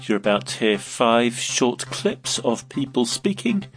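A man hosting a quiz podcast, reading out the questions in a measured, clear way. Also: mid-range voice, very animated, a bit bright. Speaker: quiz host.

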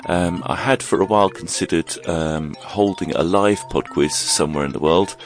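A man with a croaky, froggy voice from a bug, hosting a quiz podcast in a scripted narration style. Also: low voice, normal speed, over music.

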